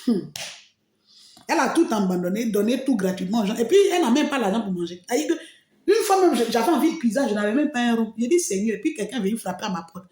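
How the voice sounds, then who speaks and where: A woman's voice: a little high, expressive, fast talker, a little mellow, echoey room. A woman giving an emotional personal testimony, telling her story expressively with frequent exclamations. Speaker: testimony speaker.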